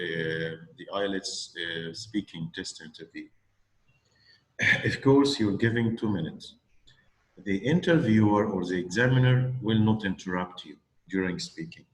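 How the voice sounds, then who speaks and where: A low-voiced man with an Egyptian accent coaches a student on an English speaking test. He talks haltingly, with many fillers and restarts, and his voice rings in an echoey room. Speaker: English teacher. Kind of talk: one-on-one speaking lesson.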